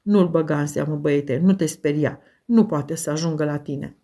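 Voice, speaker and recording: A woman voicing a spiteful old male servant in an audiobook, slow and gloating with a creaky, cackling laugh. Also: low-pitched, dark tone, voice pushed down.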